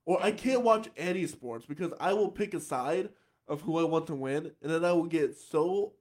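A young podcast host chats casually at a moderate pace in a fairly high voice. He laughs often and, when excited, trips over himself by repeating words.

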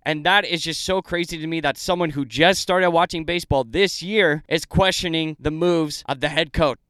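A man's voice: a little high, moderate pace, fairly bright tone, smooth, dry recording. Fired-up man hosting a sports podcast. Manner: opinionated, gets fired up. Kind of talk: solo sports commentary podcast.

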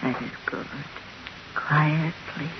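An actress playing a mysterious female spirit medium in a 1940s radio drama, speaking in a hushed, commanding way. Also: sits low, takes it slowly. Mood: solemn. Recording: roomy, dull old radio with hiss.

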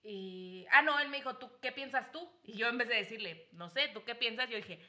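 A young Mexican woman telling a story in casual chat, animated, laughing and acting out what people said. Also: fairly high pitch, normal speed. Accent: Mexican Spanish.

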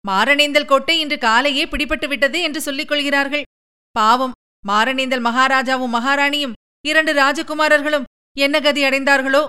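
A woman's voice: sits high, steady tone, moderate pace, pushed and bright, pitched above the performer's own voice. A woman voicing a protective, fond old nursemaid who talks in a coaxing, gossipy way. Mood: grave.

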